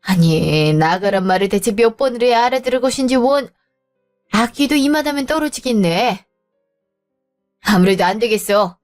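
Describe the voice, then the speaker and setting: A woman voicing a proud, sharp-tongued middle-aged restaurant owner who scolds coldly, with faint music behind. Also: fairly high pitch, close to an everyday voice. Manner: cold, scolding.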